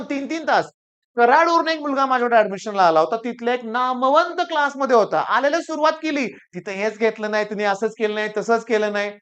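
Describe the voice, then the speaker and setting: A man's voice: very high voice, fairly bright tone, smooth. A middle-aged man who teaches at a coaching class, giving students a stern, scolding talk and repeating phrases for emphasis. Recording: dull lo-fi recording.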